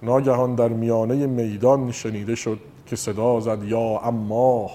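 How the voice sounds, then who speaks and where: A man in the middle of an emotional sermon who keeps climbing to high, fervent peaks. He slows into drawn-out chanted mourning lines. His voice sits at an ordinary middle pitch. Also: fairly even intonation, dark tone. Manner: slow, drawn-out chanted recitation. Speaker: preacher.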